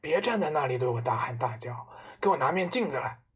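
A woman voicing a pompous, boastful middle-aged male car dealer who blusters and shouts indignantly. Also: low-pitched, normal speed, husky. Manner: bragging, then indignant shouting.

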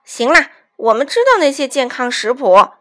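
A woman doing a loud gloating weasel bandit chief. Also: high voice, sing-song, normal speed.

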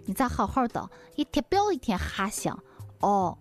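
A woman voicing her caring, scolding village mother in a slightly lower, steady advising voice. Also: moderate pace, soft background music, lightly acted.

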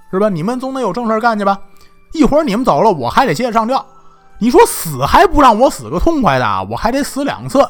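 A man's voice: high-pitched, fairly bright tone. A male storyteller voicing a distraught, indignant man who scolds the people who cut him down from a noose. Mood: exasperated. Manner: scolding, rambling, exasperated. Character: distraught man at a hanging tree, indignant and long-winded.

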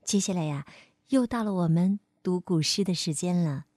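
A woman storyteller narrating a bedtime story for children, speaking gently and expressively and calling the listener "baby". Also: lowish voice, moderate pace, dry recording, studio quality.

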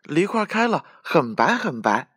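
A man's voice: big pitch swings, a little slow, a bit bright, breathy edge, no echo, clean studio sound, full character voice. A man doing a chirpy little squirrel. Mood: happy. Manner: high, chirpy exclamations.

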